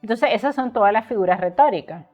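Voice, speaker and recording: A woman's voice: medium pitch, expressive, fast, dull audio, faint music behind. A woman literature tutor giving an online poetry lesson, explaining step by step and counting syllables aloud to her students.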